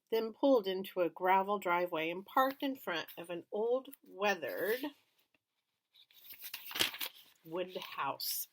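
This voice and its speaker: A woman reading a children's novel aloud in plain, steady first-person narration. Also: mid-range voice. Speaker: reader.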